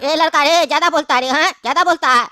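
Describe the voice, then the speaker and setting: A woman's voice: high voice, quick pace, pushed and bright, no echo. Woman playing a scolding, mocking male judge.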